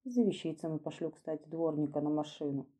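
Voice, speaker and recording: A woman reads as an old male footman, gentle and fussy, coaxing a guest in an old-fashioned folksy way. The voice sits low and dark and comes out hushed and a little husky. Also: quick pace. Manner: soft, coaxing, folksy speech.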